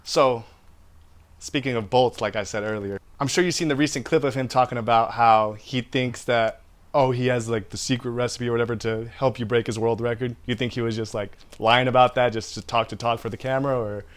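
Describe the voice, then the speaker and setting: A man's voice: medium pitch, fairly even intonation, brisk, clean tone. A man hosting a casual interview, laid-back and affirming as he asks questions. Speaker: podcast host.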